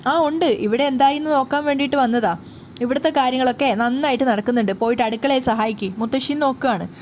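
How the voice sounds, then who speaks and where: A woman's voice: high voice, a little mellow, slight background noise. Chatty woman retelling a serial episode. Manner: chatty, running retelling with small self-corrections. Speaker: serial recap narrator. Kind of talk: casual storytelling recap of a TV serial episode.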